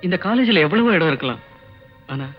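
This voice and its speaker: A man's voice: high voice, lively intonation, fairly quick. An actor playing a dignified young college student who pleads his innocence in earnest, respectful speech. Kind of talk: 1980s film acting. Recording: dull old film soundtrack with music.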